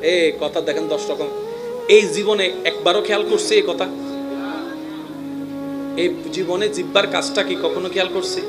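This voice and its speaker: A male preacher giving a rhythmic, repetitive sermon, swinging from soft speech to shouting and leading the crowd in call-and-response at a large open-air gathering. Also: high voice, steady tone, measured pace, pauses often. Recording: live outdoor gathering with loud crowd and loud music.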